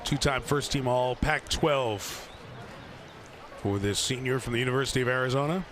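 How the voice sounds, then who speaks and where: A man's voice: mid-range voice, steady tone, normal speed. A man giving live golf tournament commentary in short, clipped broadcast phrases. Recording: crowd and outdoor noise behind. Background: spectators and outdoor course ambience.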